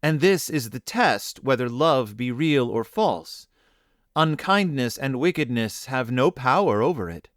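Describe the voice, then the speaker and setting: Man voicing a tender storybook mother, lifted pitch. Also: animated, normal speed, no echo, clean studio sound, close to an everyday voice. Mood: gentle, grave. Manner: tender, earnest, softly admonishing. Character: loving, gentle mother of small children.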